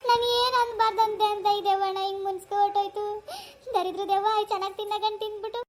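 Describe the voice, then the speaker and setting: A woman voicing a self-pitying, sharp-tongued village wife in a cartoon, lamenting and scolding. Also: very high-pitched, little pitch movement, fast talker, background noise. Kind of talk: Kannada cartoon voice acting.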